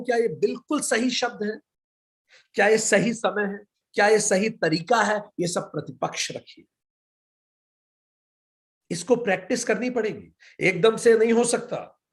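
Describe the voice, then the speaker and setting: A man giving a spiritual lecture as a yoga philosophy teacher, firing rhetorical questions and mixing English words into his talk. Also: high voice. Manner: asks rhetorical questions, then answers them himself; mixes English words into Hindi.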